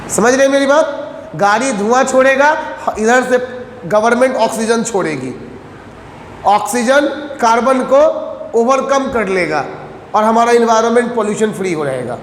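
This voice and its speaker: A man's voice: very high voice, animated, moderate pace. A male teacher giving a classroom lecture, switching between Hindi and English, repeating phrases and checking often whether students understand. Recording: echoey classroom with faint background noise.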